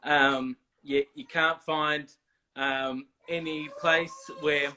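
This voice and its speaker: A man talking as a guest in a casual video chat, explaining deliberately with many ums and restarts. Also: a little high, fairly even intonation, sharp tone. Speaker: missions guest.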